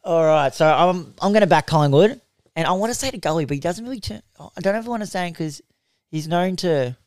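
Young Australian man, smooth clear voice. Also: fairly high pitch, animated, fast talker, no echo, clean studio sound. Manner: teasing, laid-back banter. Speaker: podcast host. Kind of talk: casual footy tipping chat.

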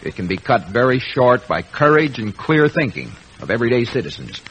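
A man's voice: mid-range voice, sing-song, a little fast, a bit bright. An American man giving an earnest, oratorical scripted moral address on old-time radio. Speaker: actor giving closing address. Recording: noisy vintage radio recording.

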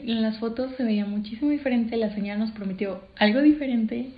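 A woman's voice: on the high side, fast talker. A young woman, recalling events in casual chat and stressing points by repetition. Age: young adult. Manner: emphatic, repeats for stress. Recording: roomy, slightly dull recording.

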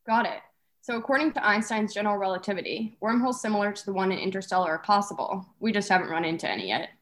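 A young woman plays a bubbly red carpet host who rattles off her lines at a quick clip, all showy presenter energy. The delivery is scripted and bright in tone, like a mock awards-show broadcast. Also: medium pitch, lively intonation, close to an everyday voice. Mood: upbeat.

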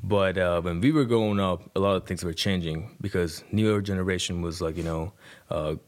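This Iranian rapper in his twenties, guesting on a podcast, speaks a little fast in a low-pitched, steady tone. A native Persian speaker with an Iranian accent, he recounts his own story casually, leaning on "like" and "you know."

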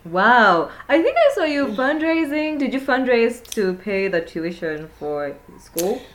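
A woman's voice: a little high, very animated, measured pace, a bit bright, a little hiss or hum. A woman hosting an interview show, asking questions with frequent hesitations and fillers. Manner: hesitant, frequent ums and uhs. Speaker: podcast host.

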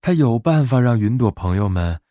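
A man narrating a bedtime story in a gentle, expressive storyteller's manner. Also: mid-range voice, normal speed, no room sound, studio quality.

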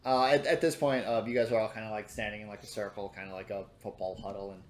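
A man's voice: on the low side, little pitch movement, a little hiss or hum. A man narrating as game master, hesitant and full of restarts. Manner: halting, many fillers and restarts.

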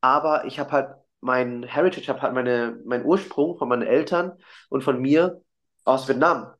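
A man's voice: mid-range voice, moderate pace. A German-born man, a singer, talking earnestly and hesitantly in a casual interview, with many fillers and restarts, heard over a video call.

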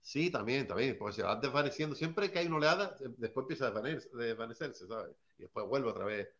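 A man's voice: mid-range voice, lively intonation, fast talker, fairly bright tone, dull audio. A man from Seville, telling hip hop anecdotes in a rambling, casual way and often asking "¿sabes?". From Seville, Spain. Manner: rambling, tags lines with "¿sabes?". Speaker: early hip hop artist.

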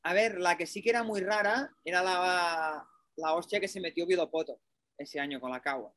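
A man's voice: high voice, normal speed, fairly bright tone, no echo. A man with a Spanish accent from Spain chatting casually and colloquially about sports, offering his opinions.

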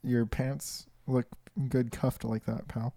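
Young man, laid-back casual chat, laughs often, mid-pitched voice, dry room. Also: level tone, slow pace, warm tone, dry recording. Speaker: podcast co-host. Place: apartment living room.

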